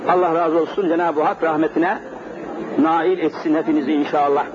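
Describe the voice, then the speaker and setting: A man's voice: a little high, level tone, brisk, a crowd in the background. A middle-aged male preacher giving a sermon in a mosque, telling a story vividly and speaking directly to his congregation. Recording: dull lo-fi sermon recording, faint noise.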